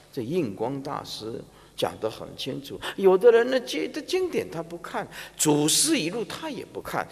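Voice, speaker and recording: A man, a Buddhist monk giving a slow, emphatic, demonstrative sermon to a large audience. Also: medium pitch, creaky. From Taiwan. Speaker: Buddhist monk teaching a dharma talk. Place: large exhibition hall before a big audience. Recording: reverberant large hall.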